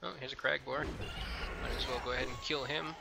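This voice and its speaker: A man's voice: mid-range voice, steady tone, normal speed, creaky, very noisy. A man hosting a let's play, talking casually over his game with frequent ums and a loose, rambling manner. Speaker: gameplay video host. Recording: game music playing behind.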